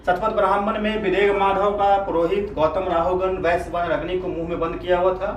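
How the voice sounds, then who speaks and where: Lecturing to his class in a high, level-toned voice, a male history teacher repeats key terms for emphasis and keeps firing off quick questions to check understanding. The mic sits at a distance in an echoey room, picking up faint noise.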